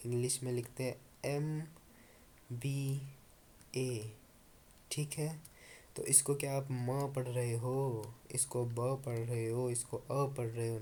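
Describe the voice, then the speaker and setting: Slow, low-toned Hindi English tutor man. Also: dark tone, slight background noise. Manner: coaxing, repeats points, calls students "babu". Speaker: English teacher. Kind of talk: Hindi-language grammar lesson.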